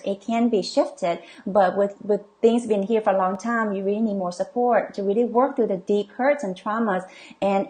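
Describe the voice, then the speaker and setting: A middle-aged woman coach talks to her live-stream audience and reads out their comments. Her voice sits at an ordinary middle pitch. She speaks in a reassuring way, full of fillers and checking "okay?" after her points. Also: warm tone. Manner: reassuring, many okays and ums, reads comments aloud. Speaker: coach and healer hosting a live session. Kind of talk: live-stream talk reading viewer comments.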